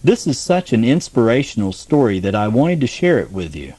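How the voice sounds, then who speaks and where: A man introducing and reading a true story aloud, narrating with an expressive storytelling manner. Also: medium pitch, brisk, husky, no room sound. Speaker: narrator and editor.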